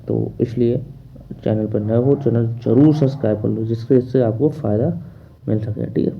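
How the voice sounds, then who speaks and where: Man, math teacher, gravelly voice, asks then answers his own questions, muffled recording, faint noise. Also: medium pitch. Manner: repetitive question-and-answer drilling. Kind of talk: online class lecture.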